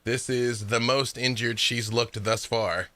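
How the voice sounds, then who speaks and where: A man running a tabletop game, narrating casually in an animated, chatty, encouraging manner. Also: mid-range voice, measured pace. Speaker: game master.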